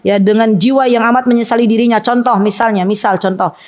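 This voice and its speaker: High-pitched woman teacher, giving a chatty religious talk to a women's circle and quizzing her audience. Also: fairly even intonation, fast, darkish tone. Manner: chatty, asks the audience questions, acts out quoted laments. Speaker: Islamic teacher leading a women's study circle. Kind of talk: conversational religious lecture.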